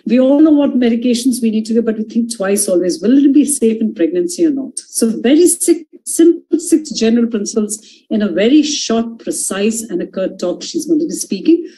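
A woman's voice: fairly high pitch, expressive, brisk, dark tone, low-quality recording. An older woman, making a formal introduction as moderator on a video call. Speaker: webinar moderator introducing the speaker. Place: living room at home, video call. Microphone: video call microphone.

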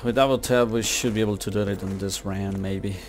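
A man with a lowish, steady voice talks briskly, muttering to himself as he plays a zombie shooter. His commentary is casual and laid-back, with the game's music and gunfire behind him.

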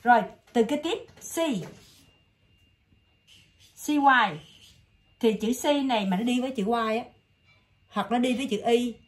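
Southern Vietnamese woman, English tutor, a bit high-pitched, patient drilling style. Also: a little mellow. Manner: patient, drills words slowly and repeatedly. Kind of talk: one-on-one vocabulary lesson.

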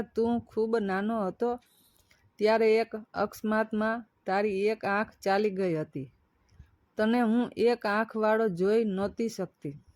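A woman's voice: medium pitch, a little mellow, no echo, close to an everyday voice. Woman doing loving old mother, tender, pleading, storybook, dry close sound. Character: loving poor old village mother, gentle, self-sacrificing.

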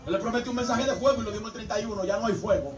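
A male preacher giving an animated sermon, acting out the voices of his congregation. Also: high-pitched, racing, background noise. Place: church hall. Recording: echoey hall from far off with music.

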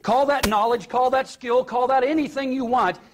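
A man's voice: extremely high pitch, moderate pace, a little hiss or hum. Man preaching with dramatic swings. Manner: dramatic retelling with acted quotes, rising and dropping to a hush. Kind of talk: sermon.

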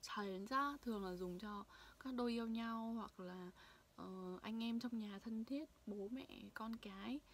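A young woman from Vietnam giving a casual language lesson, repeating phrases slowly to demonstrate pronunciation. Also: a little high. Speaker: language teacher. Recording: faint background noise.

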